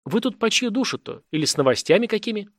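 A man's voice: high voice, big pitch swings, quick pace, no echo, studio quality, voice pushed up, heavily acted. A man reading an audiobook, voicing a fawning, wheedling elder of the cave folk who mutters pleas to the guard chief. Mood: pleading.

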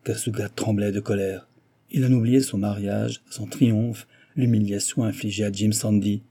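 A man reading a novel aloud as narrator, in a measured, even way. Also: lowish voice, breathy edge. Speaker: audiobook narrator.

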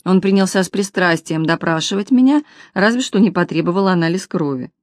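A woman narrates a novel in a brisk, ironic storytelling voice, pitched a little low. She is close on the mic, and the recording is dry with no room sound. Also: animated, no echo. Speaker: audiobook narrator. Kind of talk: scripted narration of a humorous detective novel.

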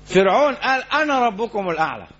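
A man with an Egyptian accent giving a religious lecture, telling the story in a lively way and quoting people as he goes. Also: sits high, quick pace, muffled recording, soft background music. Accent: Egyptian Arabic. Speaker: preacher. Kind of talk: Islamic lecture on the Prophet's biography.

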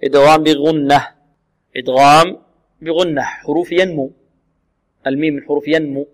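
A fairly high-voiced man gives a tajweed lesson, sounding out single syllables slowly and drilling each rule. He puts questions to the class and answers them himself. His voice rings in a long hall reverb. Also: fairly even intonation. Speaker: Quran recitation teacher.

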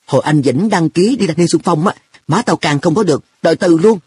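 A man's voice: fairly high pitch, animated, fairly quick, a little mellow, a little hiss or hum, voice pushed up, natural voice. A man voicing a carefree, teasing schoolboy in a storybook reading, with an offhand, blunt way of talking. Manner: offhand, blunt boyish talk. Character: boy An, carefree, teasing, money-minded.

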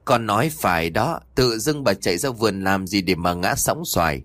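A stubborn old village grandfather in a horror audiobook, brusque and scolding, as a male narrator puts him on. The voice sits low and moves with lively intonation. It is recorded dry and close. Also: moderate pace, no room sound. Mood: gruff.

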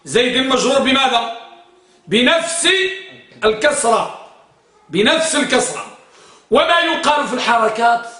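A man's voice: very high voice, big pitch swings, normal speed, long pauses, sharp tone. A man teaching a grammar class, quizzing his students and repeating their answers. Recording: echoey room, far from the mic.

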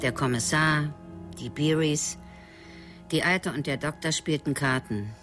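An actress in a radio play voicing a young housemaid's slow inner monologue, at times breaking into agitated outbursts. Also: female voice, low-pitched, music in the background. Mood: brooding. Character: young housemaid, frightened and frayed. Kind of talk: radio drama narration.

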